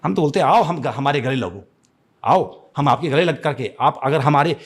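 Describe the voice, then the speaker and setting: A man from Chhattisgarh, with a slightly high, expressive voice and a Chhattisgarh Hindi accent, is a guest on a podcast interview, speaking at a moderate pace. His delivery is impassioned and declamatory, with frequent repeated phrases and restarts.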